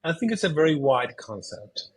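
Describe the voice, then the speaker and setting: A man from Chile in his thirties, a video game designer answering interview questions in English, pausing often with fillers and restarts. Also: fairly high pitch, big pitch swings, husky, low-quality recording. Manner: hesitant, many fillers and restarts.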